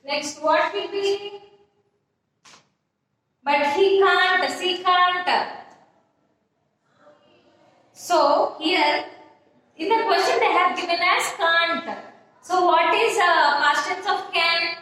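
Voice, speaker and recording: A woman's voice: very high-pitched, drawn-out words, pauses often, fairly bright tone. A woman teaching an English grammar lesson, repeating points, spelling words out letter by letter and checking with "yes?". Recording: echoey room, voice from far off.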